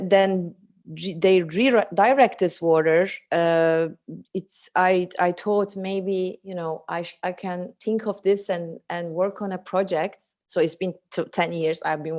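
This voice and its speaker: A woman's voice: lowish voice, a little mellow. A woman in her thirties from Turkey, an English speaker, presenting her art project with many fillers and restarts. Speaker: artist and photographer guest. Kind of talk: presentation talk.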